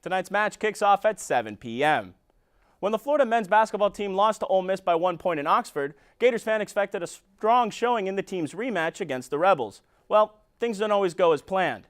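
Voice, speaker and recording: A young man with a distinctly high voice anchors the sports segment of a local newscast. He reads from a script in a presenter's delivery.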